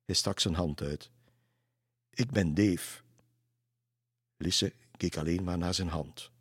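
Male narrator, dry close sound, low and husky, calm reading. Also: moderate pace, no echo. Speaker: storyteller. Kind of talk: reading a children's story aloud.

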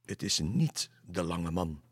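A man's voice: low voice, slow, slightly rough, long reverb tail, full character voice. A man voicing a timid, frightened little girl in a storybook reading. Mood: scared whisper. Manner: timid, hushed.

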